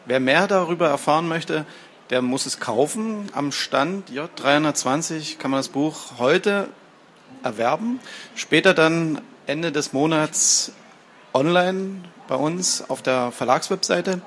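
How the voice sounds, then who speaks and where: A man from a publisher speaking casually to a live audience at a fair stand, in relaxed, chatty promo talk. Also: fairly high pitch, measured pace, a little hiss or hum. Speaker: publisher representative. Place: book fair stand, indoors.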